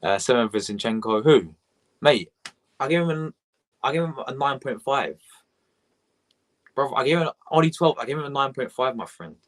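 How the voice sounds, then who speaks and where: A young man, rambling excitably as he reacts live to a match and chats with viewers. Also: medium pitch, normal speed, long pauses. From England. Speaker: fan channel host.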